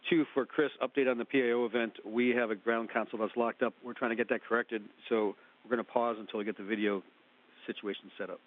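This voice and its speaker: Brisk man over a tinny radio link. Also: mid-range voice, fairly even intonation. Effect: narrow two-way radio comm line. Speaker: mission control communicator. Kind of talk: clipped radio call procedure.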